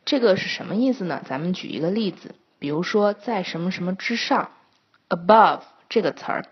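A woman teaches English sounds in a calm, explanatory way, with frequent pauses and fillers. Her voice is a little husky, and the recording sounds dull and lo-fi. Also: on the low side. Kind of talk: scripted lesson narration.

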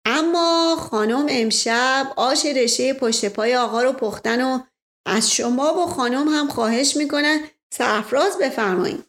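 A woman's voice: sits high, fairly bright tone. Brief: woman playing a scheming charmer of a nobleman, persuasive and playful, storybook. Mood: coaxing.

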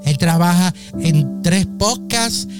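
A man's voice: high voice, lively intonation, slow. A Puerto Rican man hosting a comedy radio show, mock-dramatic and gossipy in his banter. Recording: music playing behind the voice. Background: music.

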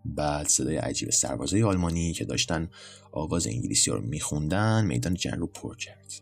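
A man narrating a scripted story in a measured, storytelling manner. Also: extremely low pitch, expressive, gravelly, soft background music.

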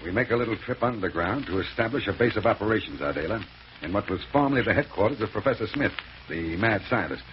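An actor playing a bossy, scheming space villain in an old radio serial, commanding, impatient and clipped. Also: male voice, on the low side, expressive, quick pace, natural voice. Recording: muffled, hissy old radio broadcast.

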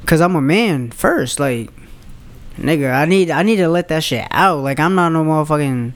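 Insistent young man, slightly high voice. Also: lively intonation, moderate pace. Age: 20s. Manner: insistent, profane, keeps restarting to press his point. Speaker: podcast co-host. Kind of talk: casual chat.

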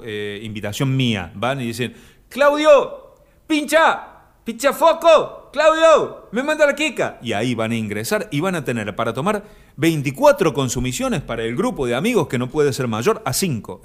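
A man with an Argentine accent hosting a comic live stream, reading comments aloud with deadpan absurd humor and sudden high shouted voices. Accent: Argentine Spanish. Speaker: comic host of an Instagram live.

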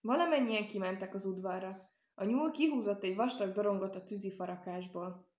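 A woman narrating a children's animal tale, in a calm, even storytelling manner. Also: mid-range voice. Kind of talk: storybook reading. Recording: roomy echo.

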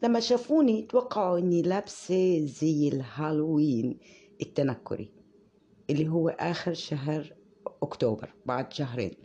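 A Levantine woman recounts something that happened to her, her mellow, husky voice rising and falling in a lively way. She sounds indignant and sarcastic. The recording is muffled and lo-fi. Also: low-pitched, moderate pace. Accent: Levantine Arabic. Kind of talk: personal storytelling.

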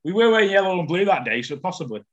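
A man with a notably high voice hosts a relaxed football podcast. He talks in a chatty, storytelling way and often repeats himself as he gets going. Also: very fast, highs cut off. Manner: chatty storyteller, stammers when starting a story. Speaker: podcast host. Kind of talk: casual podcast chat.

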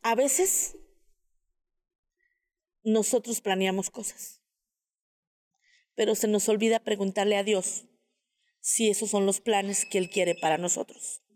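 A woman's voice: medium pitch, fairly even intonation, takes it slowly, pauses often, natural voice. A woman voicing a tender old lady. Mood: gentle. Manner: tender, softly reassuring. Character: kind, gentle old woman comforting a stranger.

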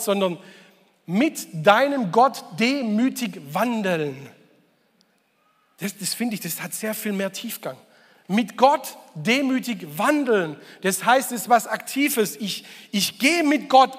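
A man's voice: high-pitched, fairly bright tone, long reverb tail. A man preaching a Sunday sermon as pastor, talking conversationally, asking the congregation questions and repeating key phrases for emphasis.

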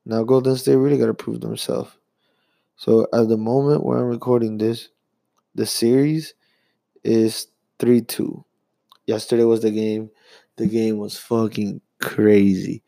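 A young man rambling through a profane, casual sports rant as a vlogger, jumping between fast bursts and drawn-out phrases. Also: medium pitch, steady tone, creaky, mellow, no room sound.

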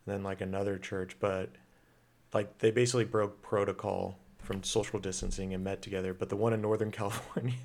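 Casual male podcast co-host, lower voice, loose and rambling. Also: flat delivery, fairly quick, a little mellow. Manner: rambling, eating while talking. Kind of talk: casual chat.

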